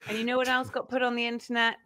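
A woman's voice: a little high, monotone, very fast, sharp tone, no echo. A woman co-hosting a fan podcast, chatting playfully, giggling and acting out quotes. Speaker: podcast co-host. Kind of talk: casual chat.

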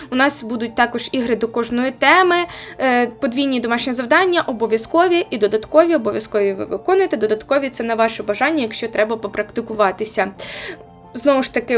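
A woman's voice: fairly high pitch, a bit bright. A woman with a Ukrainian accent teaching a grammar lesson for an exam, explaining each rule step by step and giving examples. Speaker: Ukrainian language tutor.

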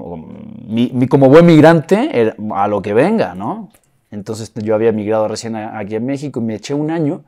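A Chilean-born actor speaking with an acquired Mexican accent, telling his story in a relaxed interview, with many restarts. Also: fairly low pitch. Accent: Mexican Spanish, acquired. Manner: reflective, with frequent restarts and soft laughs. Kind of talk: casual interview talk.

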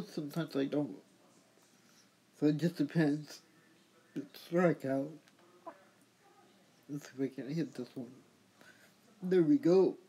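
A middle-aged man with a husky voice hosting a gameplay demonstration, explaining simply and deliberately. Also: fairly high pitch, mellow. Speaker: host showing a mobile game.

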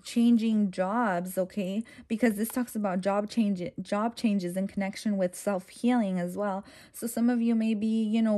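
A woman's voice: medium pitch, warm tone. A young adult woman doing a casual tarot reading, chatty and reassuring, with lots of loose fillers as she talks to viewers. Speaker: tarot reader.

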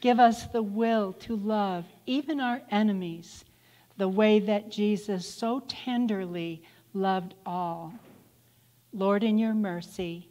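A woman reads the prayers of the service at a slow, careful pace in a mid-pitched voice. A long cathedral-style echo trails after each phrase. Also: warm tone. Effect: cathedral-like church echo. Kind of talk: reading liturgical prayers. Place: church sanctuary. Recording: long church-hall reverb.

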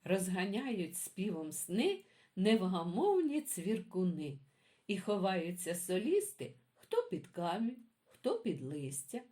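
Бібліотекарка виразно читає дитячі віршики та розповідає про авторку. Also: female voice, medium pitch, slow pace. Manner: expressive, storytelling. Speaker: librarian. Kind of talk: reading children's poems aloud.

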